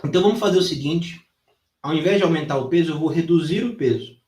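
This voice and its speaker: A man's voice: on the high side, fast, darkish tone, reverberant. A man giving an intense, emphatic live-stream lesson, swearing freely as a former gym trainer turned sales mentor. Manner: intense and emphatic, swears freely, acts out his own past coaching. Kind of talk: live-streamed teaching talk. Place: home during a live stream.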